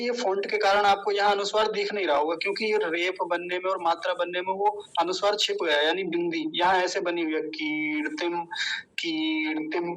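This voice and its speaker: A man teaching the correct pronunciation of a Sanskrit mantra, repeating each word slowly and chanting the full verse. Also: high voice, fairly bright tone, low-quality recording. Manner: slow, deliberate syllable-by-syllable drilling. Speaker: Vedic recitation teacher.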